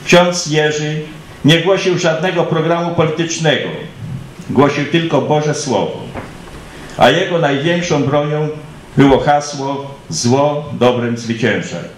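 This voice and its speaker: A man gives a formal welcome address at a commemoration, his voice a little high and echoing. He reads in a solemn, declamatory manner, with faint noise behind him. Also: steady tone, a little slow. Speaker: ceremony speaker welcoming guests.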